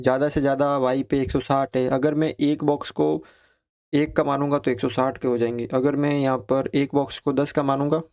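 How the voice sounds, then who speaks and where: A man teaching a maths lesson, explaining each step slowly, counting values aloud and checking in with his students. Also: mid-range voice, a little mellow. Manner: asks students questions, repeats phrases like ठीक है.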